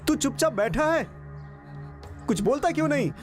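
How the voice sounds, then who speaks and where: An actor voicing a scheming gang member who coaxes and presses someone to talk, in a dubbed film. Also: male voice, mid-range voice, animated, a little slow, darkish tone, soft background music, natural voice. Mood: coaxing. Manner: persuasive, insistent. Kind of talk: Hindi film dub acting.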